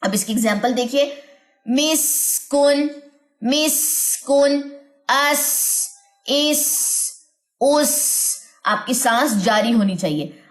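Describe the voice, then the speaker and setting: A woman teaching tajweed online, explaining each point step by step and then slowly sounding out letters and example words. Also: fairly high pitch.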